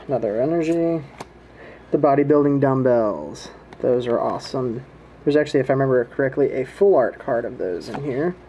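Male hobby vlogger, mid-pitched and soft-edged, folksy and easygoing commentary, faint noise on a home camera recording. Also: lively intonation, normal speed. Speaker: host of a trading card pack-opening video. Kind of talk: casual running commentary while opening card packs. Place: indoors at home, hands at a table.

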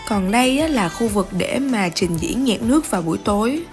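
This casual travel vlog features a young woman with a Southern Vietnamese accent speaking in an expressive, mid-range voice at a moderate pace. She films herself at arm's length around an outdoor shopping mall and chats eagerly with viewers over background music.

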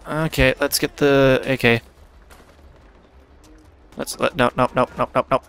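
Soft music plays behind this clean, mid-range male voice as a gaming channel host talks through his own video game play. His commentary is loose and chatty, half to himself, speeding up in bursts whenever something excites him.

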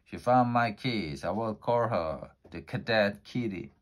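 A man voicing a gruff male tyrannosaurus police chief in a storybook reading, with a brusque, bossy manner. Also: fairly low pitch, lively intonation, a little slow.

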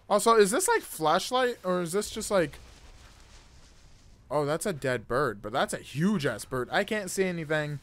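A man in his twenties streams a scary video game indoors in his gaming room, close to a desktop mic, reacting to the scares with nervous, jokey, casually profane commentary. His voice runs on the high side and sounds a bit bright.

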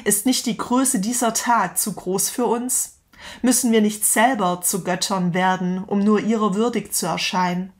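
A woman's voice: mid-range voice, fairly even intonation, unhurried, natural voice. A woman voicing a frantic prophetic madman, declaiming a long chain of passionate questions. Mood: impassioned. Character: frantic grown man, a prophetic madman with lantern.

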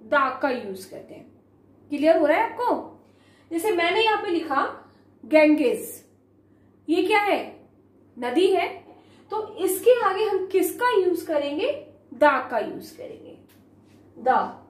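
A woman's voice: extremely high pitch, very animated, echoey room. A woman teacher with an Indian accent explains a grammar lesson to young students. She asks questions and answers them herself, mixing Hindi and English. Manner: mixes Hindi and English, slowly reads rules aloud. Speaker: school teacher.

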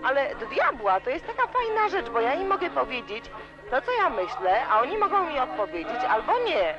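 A woman's voice: sits high, very animated, fairly quick. A woman in her twenties giving a rambling, emotional party interview, heard on old worn tape. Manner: rambling, emotional, keeps saying "you know". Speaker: student radio interviewee. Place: student club during a party. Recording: dull lo-fi old cassette tape. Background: loud music.

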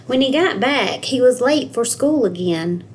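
With a somewhat high voice, a woman who works as a school guidance counselor gives an expressive read-aloud of a picture book for young children, pausing to ask them questions. Some slight background noise is audible.

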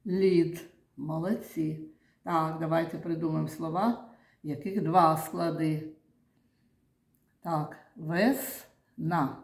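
Very slow, echoey-voiced woman teacher. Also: low-pitched, steady tone. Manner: slow, stretching syllables and sounds apart; patient, praising often. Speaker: teacher of young children. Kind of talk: classroom lesson. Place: classroom. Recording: echoey classroom.

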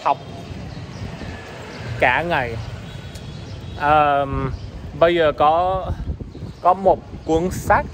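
A man's voice: a little high, very slow, pauses often. A man in his twenties, a native English speaker, speaking broken, foreign-accented learner's Vietnamese in a casual vlog, repeating words as he searches for them. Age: 20s. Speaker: vlogger. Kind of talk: casual walking vlog, language practice. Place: outdoors on a street between apartment buildings. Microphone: phone at arm's length. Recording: windy outdoor phone recording, clear background noise.

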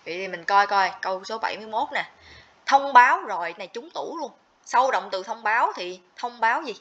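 A woman's voice: a little high, expressive, a little fast, a crowd in the background. A woman teaching a livestream grammar lesson, explaining step by step and checking in with students often. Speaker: TOEIC teacher. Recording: slightly dull lo-fi audio.

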